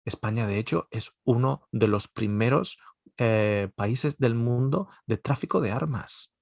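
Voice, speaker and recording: A man's voice: mid-range voice, a little slow, creaky, a little mellow, no echo, studio quality. A man from Spain's Basque Country with a Peninsular Spanish accent, giving a personal seminar talk and answering his own rhetorical questions. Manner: asks himself rhetorical questions and answers them curtly. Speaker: seminar speaker. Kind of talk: personal lecture.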